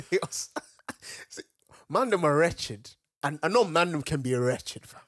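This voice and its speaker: A young man with an urban London roadman accent, telling stories in casual, slangy banter with animated reactions and repeated phrases. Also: a little high, unhurried, a little hiss or hum. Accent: London, urban roadman slang style. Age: young adult.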